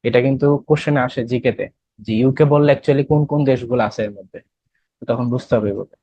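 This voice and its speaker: A man's voice: medium pitch, quick pace, mellow, dry recording, muffled recording. A young man with a Bangladeshi accent teaching an English class for admission tests, explaining in Bengali with English terms and quizzing students. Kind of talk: classroom lecture.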